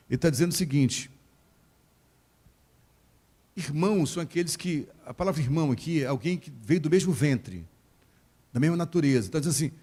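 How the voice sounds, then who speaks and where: Preaching at a church service, this male pastor speaks with a Brazilian Portuguese accent from Rio de Janeiro and a voice on the high side with a breathy edge. He animatedly performs quoted voices and trades jokes with the congregation.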